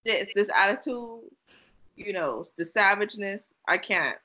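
A woman's voice: mid-range voice, expressive, measured pace, pushed and bright, dull audio. A woman co-hosting a podcast, chatting casually in a blunt, teasing way. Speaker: podcast co-host. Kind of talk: casual banter.

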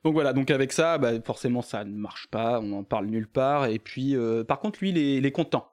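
A man's voice: medium pitch, a little fast, a little mellow. A man co-hosting a casual podcast chat, talking in a dry, sarcastic way. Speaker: podcast co-host.

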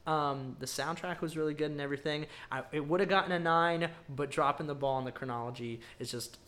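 Casual male podcast co-host, slightly high voice, loose and rambling with lots of ums, lands firm verdicts. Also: quick pace, a bit bright. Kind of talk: casual movie review chat.

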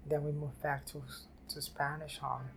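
An older woman from New City, telling her life story haltingly in an oral history interview. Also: low-pitched, little pitch movement, creaky, a little hiss or hum. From New York City. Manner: halting, repeats and restarts phrases. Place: library office.

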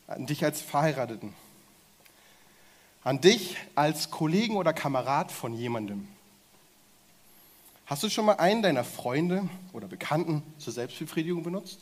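A man preaching a sermon in German, talking directly and energetically and getting his audience to shout along. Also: on the high side, big pitch swings, normal speed, pauses often.

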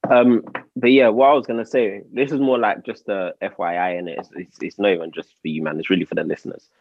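A young man with a London roadman accent, fairly low in pitch. He explains and argues casually in slang as a podcast host, on a close, slightly dull recording. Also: fairly even intonation, fast talker, dry recording. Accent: London, urban roadman slang. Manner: slangy, argumentative, spells out points.

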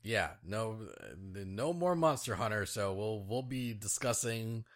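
A man's voice: on the low side, unhurried. A man co-hosting a casual podcast, talking in a rambling way with many fillers and restarts, and laughing easily. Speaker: podcast co-host.

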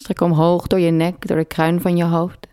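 Low calm woman doing a guided meditation, slow and soothing, dry close recording. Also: clean tone, no room sound. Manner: slow, soothing, pausing between phrases.

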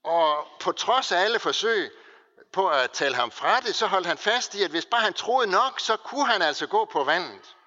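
A man preaching a sermon, with slow, weighty pauses and strong emphasis. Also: high-pitched, lively intonation, sharp tone, long reverb tail, highs cut off. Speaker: pastor.

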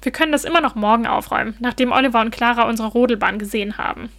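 A woman's voice: on the high side, rapid-fire, a bit bright. A woman voicing a cheerful, clever young male Christmas elf who talks in a breezy, boastful way.

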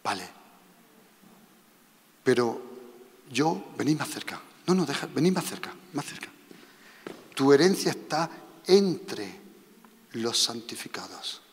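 A man from preaching a sermon, animated and repeating his instructions to the congregation. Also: medium pitch, slow, pauses often. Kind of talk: sermon with live demonstration. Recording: long reverb of a hall.

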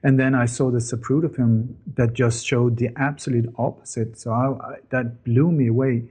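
With a husky, darkish voice of medium pitch and little pitch movement, a middle-aged man talks at normal speed as an interview guest. Born in Denmark and raised in Sweden, this ex-journalist tells his story earnestly, heavy on fillers and self-corrections.

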